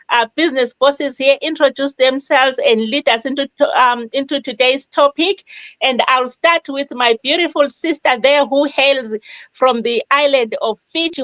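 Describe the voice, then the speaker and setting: A woman's voice: high voice, fairly bright tone, dry recording. A woman from Zimbabwe, hosting a live online panel in a welcoming way and repeating phrases for emphasis. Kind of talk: live motivational panel talk.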